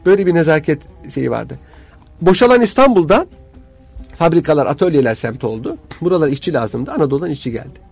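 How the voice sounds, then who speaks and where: Husky man telling stories quickly. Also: on the high side, expressive, a little mellow, soft background music. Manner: measured storytelling, courtly old-fashioned phrasing. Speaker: guest historian. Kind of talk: relaxed studio conversation.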